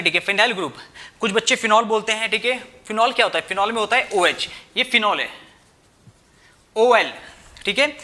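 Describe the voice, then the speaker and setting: With a high-pitched, sharp tone, a young man works through chemistry at a whiteboard, moving between Hindi and English. He calls his students "bhai" and keeps throwing out rhetorical questions while checking "theek hai."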